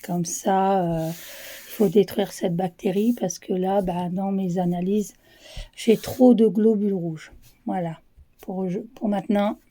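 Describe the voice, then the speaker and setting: Tired woman with a cracked, mellow voice. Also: mid-range voice, fairly even intonation. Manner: halting, drops to a whisper when showing items. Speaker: vlogger. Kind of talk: casual vlog chat to camera. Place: her dressing room, indoors. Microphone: handheld phone camera with ring light.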